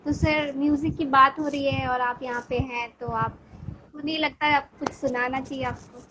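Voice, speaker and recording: A high-pitched woman hosts a live online interview with short, polite prompts. Her audio keeps breaking up and dropping out over a weak network link. A clear hiss sits under her voice on the video call. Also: steady tone, moderate pace, bright, forceful tone. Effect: audio breaking up and cutting out from a poor network connection. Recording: noisy, glitchy video call line.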